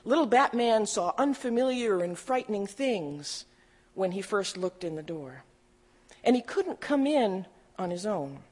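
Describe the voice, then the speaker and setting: A middle-aged woman pastor giving a sermon, telling a personal story in a gently humorous, storytelling way. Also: mid-range voice, expressive, a little slow, breathy edge.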